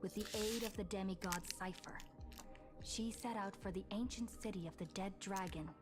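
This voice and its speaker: A woman voicing a calm young woman who narrates a story recap in a video game, in a measured, steady way. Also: medium pitch, close to an everyday voice. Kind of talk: scripted narration. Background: game music.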